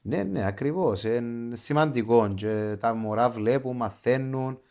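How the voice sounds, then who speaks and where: A man's voice: medium pitch, darkish tone. A man with a Cypriot Greek accent talking casually as an interview guest, enthusiastic and dropping English phrases into his Greek. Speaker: interview guest, pro wrestler.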